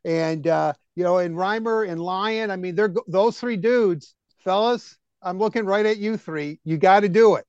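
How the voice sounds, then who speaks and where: A man co-hosting a hockey talk show, rambling excitably and full of fillers and restarts. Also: sits high, moderate pace, few pauses, clean tone, no echo, lo-fi sound. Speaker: co-host. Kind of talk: casual sports chat.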